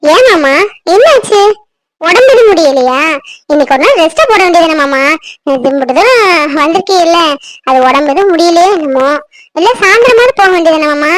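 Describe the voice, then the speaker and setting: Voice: very high-pitched, expressive, moderate pace, long pauses, a bit bright, no room sound. A performer voicing a fiery, emotional young village wife in a cartoon, talking dramatically and wailing. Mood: worried. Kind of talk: cartoon voice acting.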